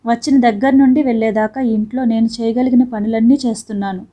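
A woman's voice: fairly high pitch, steady tone, moderate pace, dark tone, lo-fi sound, lightly acted. A woman reading the part of a proud young working wife who argues back sharply and indignantly.

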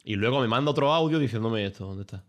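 A man's voice: mid-range voice, fast talker, noisy background. A young man, streaming and telling stories in casual chat, full of slang and swearing. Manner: animated storytelling with lots of slang and swearing.

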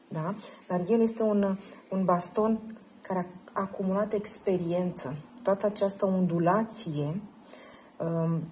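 A woman guiding a participant through a tarot card reading, gentle and probing, often checking in with a short question. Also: mid-range voice, a little hiss or hum. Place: group session at a camp.

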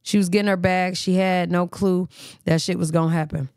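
A woman's voice: fairly low pitch, steady tone, brisk, a little mellow, dry recording, studio quality. A woman hosting a live reaction stream in blunt, profane casual talk. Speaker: livestream host.

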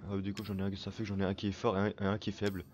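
A man giving casual gameplay commentary while he plays, swearing constantly and breaking into excited outbursts. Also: low voice, racing, noisy background. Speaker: let's play gamer.

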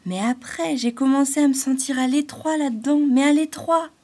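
A woman's voice: mid-range voice, moderate pace, mellow, lightly acted. A woman voicing a timid little female thought-spirit, a glowing halo, in a fairy-tale audiobook. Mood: earnest. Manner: shy, hesitant, growing earnest.

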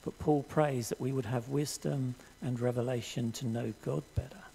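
An older man preaching a sermon in a church hall, earnest and measured, reading scripture aloud to the congregation. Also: medium pitch, fairly even intonation, gravelly, mellow, breathy edge. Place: church hall stage with audience.

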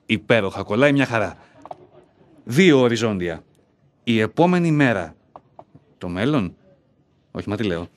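A man performs a lonely bank clerk of middle age who talks aloud to himself in a one-man stage monologue, bitter and self-loathing. His voice rises and falls widely as he muses and spars with his own self. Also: on the low side. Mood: wry, musing. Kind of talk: theatrical monologue.

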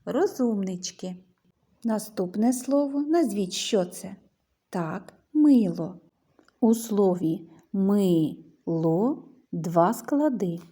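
A woman teacher speaks slowly to young children, stretching her words in a sing-song lilt. Her voice is mellow and soft, with a breathy, slightly husky edge. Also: mid-range voice, animated. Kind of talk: children's lesson.

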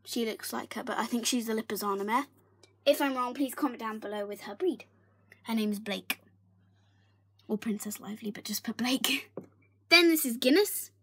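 A young woman talks through a tour of her toy stable in a bright, fairly high voice. She is chatty and giggly, drops into whispered asides now and then, and films on a handheld phone indoors in her bedroom. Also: normal speed, long pauses, breathy edge. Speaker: toy barn vlogger. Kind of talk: casual toy tour narration. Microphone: handheld phone camera.

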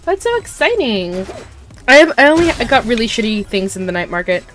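A woman's voice: a little high, very animated, a little fast, fairly bright tone, faint music behind. Chatty woman streamer with hiccups. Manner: chatty, swears casually while gaming. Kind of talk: casual live-stream chat.

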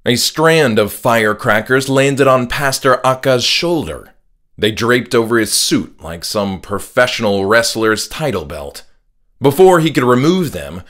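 Reading his own horror book aloud, a man takes the role of a dramatic first-person storyteller. The voice sits on the low side with a slightly bright quality, and music plays in the background of this scripted narration.

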